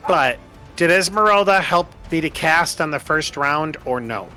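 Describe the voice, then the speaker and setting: Guy with a bright, higher voice playing a tabletop game, planning out loud, a bit of music behind. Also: lively intonation. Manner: thinks aloud, planning tactics, quick bursts. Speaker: player.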